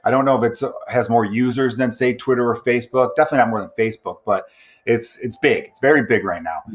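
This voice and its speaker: A man's voice: mid-range voice, fast. A man hosting a podcast in casual chat, rambling and joking as he goes. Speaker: podcast host.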